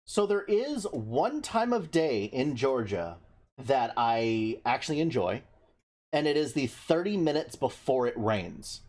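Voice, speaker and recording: A young man chatting on a podcast, blunt and profane, telling stories in an animated way. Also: mid-range voice, a little slow. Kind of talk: casual chat.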